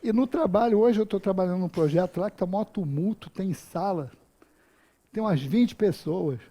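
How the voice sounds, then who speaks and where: A man's voice: sits high, moderate pace, mellow. A man in his fifties giving a casual, humorous talk full of personal stories at a spiritist center. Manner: humorous storytelling, acts out his own moves.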